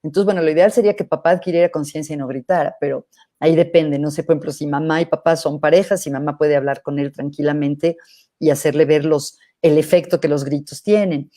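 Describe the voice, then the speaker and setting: A middle-aged woman psychologist, answering questions in a thoughtful, measured way with hesitant restarts. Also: low-pitched, fairly even intonation, mellow. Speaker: psychologist guest. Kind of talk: live interview answering questions.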